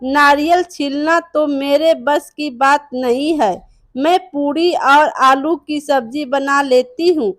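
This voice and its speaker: Woman reading as a bossy mother-in-law, high voice, slow scolding, dry close sound, storybook. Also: no echo. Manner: scolding, impatient.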